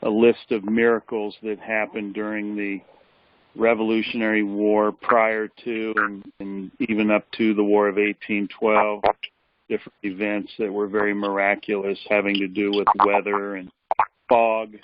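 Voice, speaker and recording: Tired male caller giving a report, low, flat delivery, muffled phone sound. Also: moderate pace, no echo. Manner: flat, hesitant, many fillers. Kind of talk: casual chat. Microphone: telephone. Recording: dull phone line.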